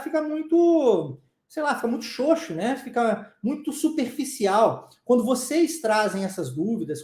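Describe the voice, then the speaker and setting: During a casual live online class, a Southeastern Brazilian-accented man explains English pronunciation chattily, checking in with students through frequent "tá?" and coughing occasionally. His voice is high-pitched with a darkish tone, and the room is echoey.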